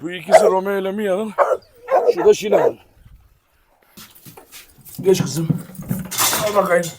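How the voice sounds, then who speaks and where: A man's voice: sits high, fairly even intonation, unhurried, very noisy. A man vlogging while he feeds his dogs, talking fondly to them and chatting to viewers between. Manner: affectionate coaxing talk to dogs, addresses viewers. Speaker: dog owner vlogger. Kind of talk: casual vlog while feeding dogs.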